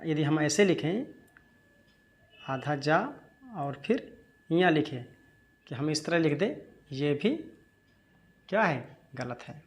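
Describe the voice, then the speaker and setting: A man teaching Hindi spelling in a lesson, who asks his own questions, answers them, and repeats the words slowly. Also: on the high side, lively intonation.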